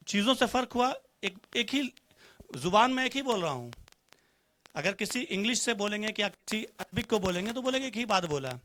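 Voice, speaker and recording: A man with a high-pitched voice speaks as a panel guest on a news discussion. He argues in a formal, rhetorical way, acting out examples by shifting his tone, and mixes Urdu-flavoured Hindi with English phrases. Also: a bit bright.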